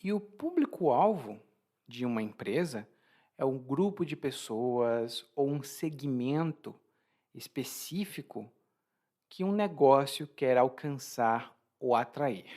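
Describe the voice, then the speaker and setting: A male Portuguese teacher with a lively, mid-range voice talks slowly through a language lesson on expressions. He explains as he goes, often restarting his sentences and laughing.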